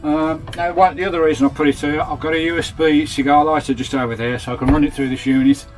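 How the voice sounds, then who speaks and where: The audio is poor, with soft background music, as a British man with a fairly high pitch talks fast in a steady tone. He's a vanlife vlogger from the United Kingdom giving a casual, hands-on tour of his campervan and commentary on the fit-out, chatty and matey with plenty of British slang.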